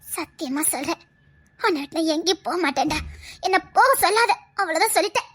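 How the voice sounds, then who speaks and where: A woman's voice: very high-pitched, expressive, fast talker, a bit bright. A woman with a Tirunelveli Tamil accent playing a devoted young woman who clings to her paralysed lover, talking insistently and sobbing through laughter. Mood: defiant. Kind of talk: comedy skit acting.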